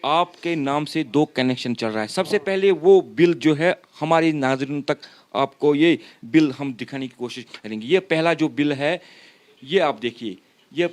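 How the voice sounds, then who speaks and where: A male local news reporter, presenting a field story with frequent fillers and formal address. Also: mid-range voice. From Kashmir.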